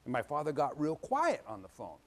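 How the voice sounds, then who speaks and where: A middle-aged male attorney explains how business agreements work in an easygoing, folksy way. His voice sits a little high for a man. He tells personal stories and acts out the back-and-forth of quoted conversations with lively energy. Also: brisk. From Washington State, US. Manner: folksy, animated storytelling, acting out quoted dialogue. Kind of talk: explanatory legal talk with anecdotes.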